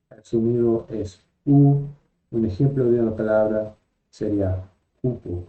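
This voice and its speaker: A man's voice: on the low side, mellow, lo-fi sound. A man teaching a lesson, patiently naming each letter and repeating every example word. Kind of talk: slow lesson, spelling out letters and sounds.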